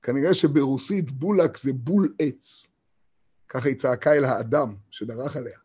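A man giving a Torah lesson. He reads verses slowly and talks emphatically, asking rhetorical questions. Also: mid-range voice, a little mellow, slightly rough. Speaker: Torah teacher.

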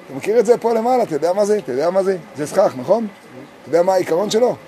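A male rabbi teaching a group in a sukkah. He tells a story, chants verses slowly and keeps asking his listeners questions. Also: sits high, animated, warm tone.

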